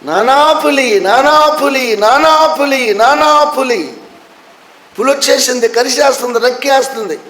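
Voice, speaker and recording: A man voicing a small village boy who cries out for his father in shrill, repeated calls, with a roomy echo around him. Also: slow, pauses often. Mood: frantic. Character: panicked little village boy crying tiger.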